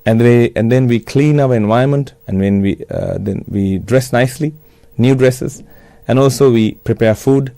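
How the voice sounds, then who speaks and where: A man with a Sri Lankan accent gives a Buddhist New Year talk in a measured, instructive manner with simple phrasing. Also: medium pitch, vocal fry, dark tone, no echo.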